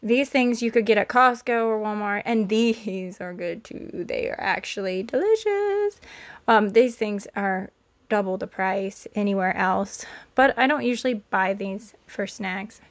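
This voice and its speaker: A woman's voice: mid-range voice, animated, measured pace. Thirties mom chatting thru a grocery haul on her phone, rattling off prices, fixing her own slips. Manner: chatty, price-focused, self-correcting. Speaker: homesteading vlogger. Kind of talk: casual shop-with-me haul narration. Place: store aisles, then home kitchen. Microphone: handheld phone camera.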